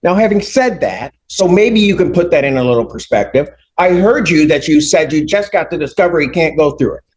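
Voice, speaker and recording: Stern middle-aged judge on a courtroom recording. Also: male voice, on the high side, expressive, a little mellow. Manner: stern, lecturing, measured and emphatic. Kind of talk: courtroom proceedings.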